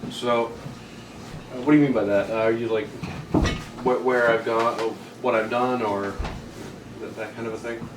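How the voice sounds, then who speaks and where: A man's voice: medium pitch, fairly even intonation, measured pace, pauses often. A man from the US Northeast with a Vermont accent, chatting casually as an interview guest in a rambling, self-deprecating way. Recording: echoey room, distant mic, noisy background.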